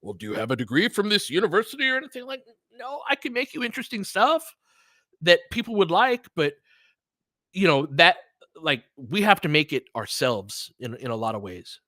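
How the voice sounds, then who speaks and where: His voice sits fairly high, sing-song, pushed and bright, moving a little fast with no echo and clean studio sound. A sports podcast host who also streams play-by-play, he chats unscripted with listeners in an earnest, rambling, profane manner.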